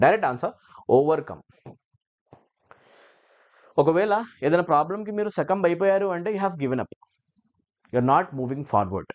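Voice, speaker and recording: Lively male English teacher. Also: medium pitch. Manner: animated, mixes Telugu with English, keeps asking "right?". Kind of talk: exam answer-key lesson.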